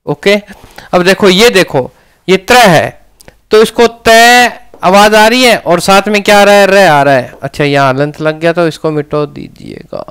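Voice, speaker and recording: A man's voice: sits high, lively intonation, unhurried, fairly bright tone, clear, resonant tone. A man with a Rajasthani Hindi accent teaching a grammar lesson, often asking questions and answering them himself.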